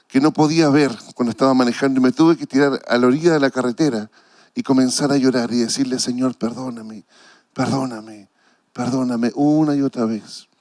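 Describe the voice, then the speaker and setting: A man's voice: medium pitch, darkish tone, no echo, clean studio sound. A man with a Chilean Spanish accent preaching a sermon as pastor, earnest and emotional, repeating phrases for weight.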